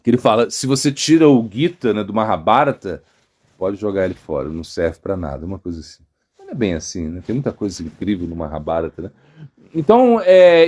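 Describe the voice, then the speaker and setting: A man with a Brazilian Portuguese accent, a monk giving an informal devotional talk, halting often with fillers and tag questions. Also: mid-range voice, darkish tone. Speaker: monk teaching a devotional lecture.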